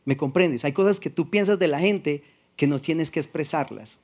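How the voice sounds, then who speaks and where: A man with a Colombian Paisa accent preaching a sermon as pastor, soft-spoken and conversational, acting out little dialogues as he talks. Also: a little high, normal speed, husky. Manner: soft-spoken, does not shout.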